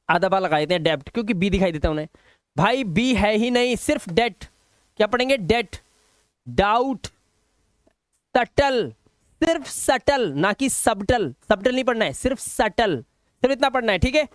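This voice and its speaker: A man's voice: extremely high pitch, dry recording. Emphatic male English teacher, Indian accent. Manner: emphatic, repeats words and rules, drills pronunciations. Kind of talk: spoken English lesson.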